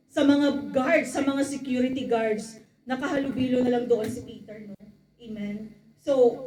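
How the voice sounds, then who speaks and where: A woman's voice: high-pitched, a little mellow, reverberant, poor audio. A woman preaching a sermon in mixed Tagalog and English, calling out "Amen?" and "Glory to God" to the congregation. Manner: calls out "Amen?" and "Glory to God" to the congregation, acts out quoted voices. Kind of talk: Taglish sermon.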